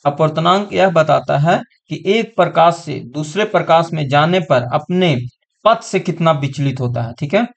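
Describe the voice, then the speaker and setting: A man's voice: fairly high pitch, moderate pace, gravelly. A man teaching an exam-prep science class online, repeating terms and often checking that students follow.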